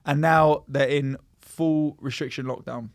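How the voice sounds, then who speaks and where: A jokey man co-hosting a podcast, chatting loosely and breaking into laughter. His voice sits a little high for a man. The studio sound is close and dry. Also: steady tone, a little slow, no room sound. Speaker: podcast co-host. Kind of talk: casual banter.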